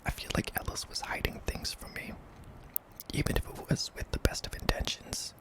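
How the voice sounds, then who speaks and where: A man tells a scary story in a hushed ASMR whisper, speaking deliberately in short, broken phrases. His voice is breathy and mostly unvoiced, with a bit of creak.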